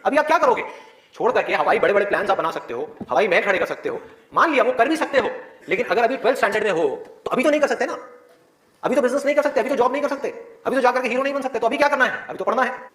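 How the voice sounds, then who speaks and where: A male biology teacher giving a motivational talk to his students, with many rhetorical questions and a lively, persuasive manner. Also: very high voice, rapid-fire, echoey room.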